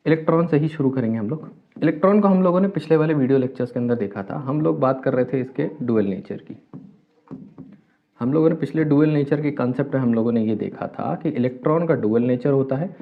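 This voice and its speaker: A man teaching a chemistry lecture, explaining step by step, asking and answering his own questions, and mixing English terms into his talk. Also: mid-range voice. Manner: mixes English terms into speech. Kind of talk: classroom lecture. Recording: tinny phone-like sound.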